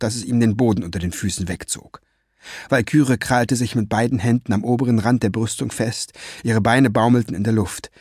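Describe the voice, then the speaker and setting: A man reading a story aloud as audiobook narrator in a steady, even manner. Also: mid-range voice, husky, dry recording, clean studio sound. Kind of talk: scripted narration.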